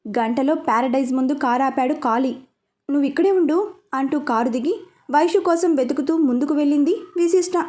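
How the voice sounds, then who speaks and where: A woman reads a serialized story aloud with a clearly high voice. Her delivery is lively and steady, carrying the narration between the scenes. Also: a little fast.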